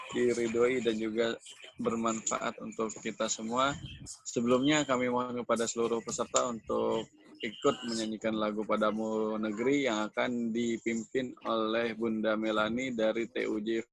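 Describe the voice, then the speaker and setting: A man moderating an online event, announcing the next segment in a polite, measured way over a video call. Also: fairly low pitch, level tone, vocal fry.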